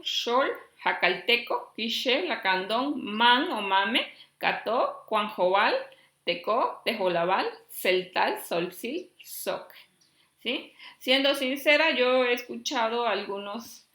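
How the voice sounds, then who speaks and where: Woman teacher from Chiapas, Mexico, slow deliberate pace, bright tone, echoey room. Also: a little high, expressive. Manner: reads lists slowly, checks in with "¿sí?". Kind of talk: classroom lesson.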